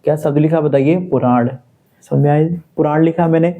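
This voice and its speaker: A man's voice: fairly high pitch, steady tone, brisk, narrow, tinny audio. A male teacher giving a Hindi grammar lesson to exam students, explaining step by step as he writes, and asking questions then answering them himself. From India. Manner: repetitive call-and-response questioning.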